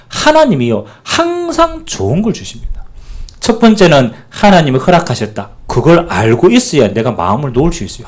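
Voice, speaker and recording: A man pastor preaching a sermon, animated and calling out to the congregation for amen. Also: a little high.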